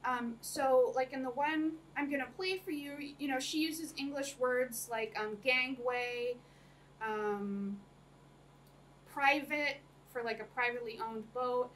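Taking it slowly, a young female lecturer with a high, slightly bright voice gives a chatty academic talk to a small audience, with many ums and frequent laughs. She's in a small room with a projector screen. A camera across the room records her on a distant mic with faint noise.

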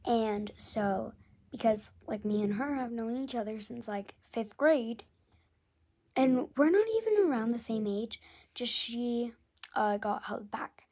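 Young woman, breathy, fairly high voice, unhurried, rambling storytime narration, lots of fillers. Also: expressive, a little mellow. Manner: rambling, full of "like" fillers, often half-whispered.

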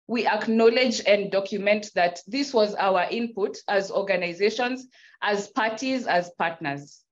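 A woman making an earnest, challenging comment from the floor of a conference hall into a handheld mic. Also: medium pitch. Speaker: conference attendee. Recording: dull, muffled sound.

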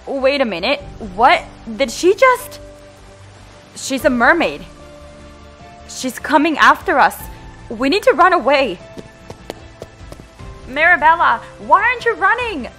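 A woman voicing a cautious, caring adoptive mother in an animated game story. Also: high voice, slow, pauses often, faint music behind, exaggerated voice. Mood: alarmed.

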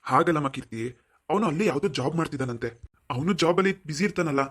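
A middle-aged cartoon father who runs a big company, played by a man. He talks at a breakneck pace in a slightly raised voice. He is warm toward his son yet will not take no for an answer. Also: fairly high pitch, quick pace. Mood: fatherly. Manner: fatherly, pushy, affectionate. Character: wealthy older father, company owner, insistent. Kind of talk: cartoon voice acting.

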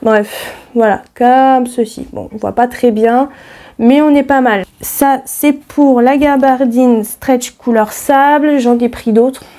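Chatty woman, mellow voice. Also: high voice, fairly even intonation, takes it slowly. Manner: chatty, many fillers and self-corrections. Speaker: sewing vlogger. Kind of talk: casual fabric haul chat.

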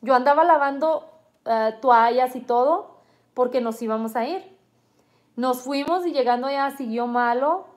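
A woman's voice: high-pitched, moderate pace. A woman and mother earnestly recounting a family illness in a vivid personal story, often restarting her sentences.

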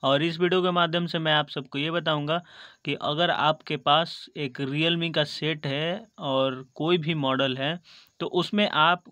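A man with an Indian accent narrates a step-by-step phone tutorial, repeatedly making sure viewers are following and calling them friends. His voice is on the high side, bright and forceful, with fairly even intonation and an unhurried pace. No room sound is audible.

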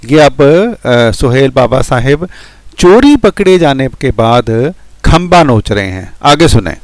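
A man's voice: mid-range voice, very animated, no echo. A man hosting a commentary video, addressing his viewers directly and mocking his opponent. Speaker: channel host. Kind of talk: commentary on played voice messages.

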